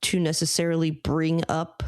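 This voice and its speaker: A woman co-hosting a casual sports podcast, talking in a measured, thoughtful way with a few fillers. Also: low-pitched, monotone, darkish tone, clean tone, no echo. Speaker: podcast co-host.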